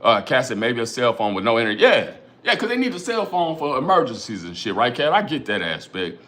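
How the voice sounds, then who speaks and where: Animated, profane middle-aged male host. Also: mid-range voice, fairly quick. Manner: animated, profane, rhetorical, keeps addressing chat viewers by name; repeats phrases and asks "you know what I'm saying". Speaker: livestream host reading chat. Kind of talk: casual livestream talk.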